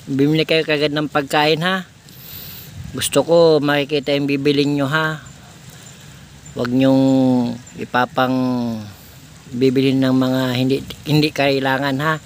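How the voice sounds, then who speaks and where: A man's voice: medium pitch, little pitch movement, a little slow, long pauses, a little hiss or hum. A man filming a casual vlog, coaxing children to speak with short repeated prompts. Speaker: vlogger visiting a needy family.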